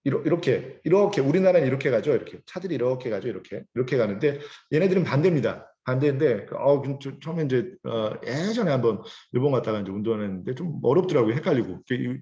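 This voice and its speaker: Animated Korean man lecturing on poetry. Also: medium pitch. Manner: animated, mimics sneering laughter and scolding voices. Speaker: literature teacher. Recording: dull lo-fi recording.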